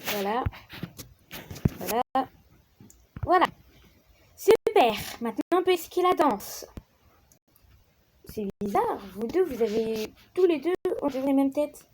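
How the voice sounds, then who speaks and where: A woman's voice: high voice, expressive, slow, pauses often, slight background noise, voice pushed up. A woman voicing a cheerful, bossy adult female dance instructor in a doll play role-play, calling the girls mesdemoiselles.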